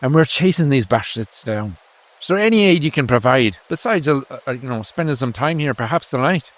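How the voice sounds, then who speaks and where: A man's voice: medium pitch, expressive, a little fast, pitched above the performer's own voice, lightly acted. A man voicing a soldier leader who earnestly pleads for food and shelter. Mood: pleading.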